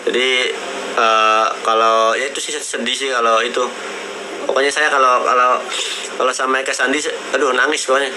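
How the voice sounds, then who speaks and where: Chatting casually on his livestream, a man in his 20s shares personal memories in a medium-pitched voice that barely moves in pitch. His delivery is halting, with frequent repeated words and phrases, over clearly audible background noise.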